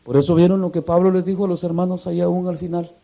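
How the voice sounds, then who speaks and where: A man's voice: high-pitched, little pitch movement, fast talker, creaky, muffled recording. A man preaching a sermon, asking the congregation rhetorical questions and telling a story with passion.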